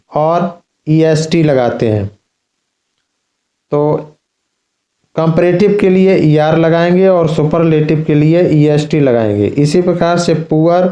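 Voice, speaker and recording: A man teaching an English grammar lesson to schoolchildren, explaining slowly and repeating himself. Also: fairly high pitch, dark tone, echoey room, rough recording. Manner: slow, repetitive explaining, addressing children. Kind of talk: classroom lesson.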